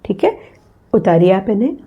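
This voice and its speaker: A woman teaching English phonetics in a slow spoken lesson, patiently repeating sounds and example words for her learners. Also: mid-range voice, sing-song, phone-quality sound.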